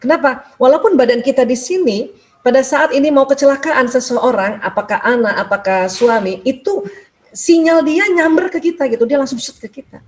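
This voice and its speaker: Animated woman doctor explaining gently. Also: high voice, moderate pace. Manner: animated, acts out little prayers in a lively voice. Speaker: doctor and guest speaker. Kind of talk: casual spiritual self-help talk.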